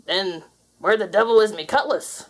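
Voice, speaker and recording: A woman voicing a vengeful male pirate ghost as a storybook character, growling and booming in pirate dialect. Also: moderate pace, natural voice. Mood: furious.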